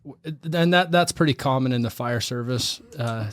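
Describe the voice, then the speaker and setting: A man from Utah talks as a podcast guest in a relaxed, easygoing way. He fills his sentences with "uh" and "you know." His middle-pitched voice is recorded close and dry. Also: normal speed, smooth, dry recording. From Utah, USA. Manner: relaxed and easygoing, with many fillers. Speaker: firefighter guest. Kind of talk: casual podcast interview.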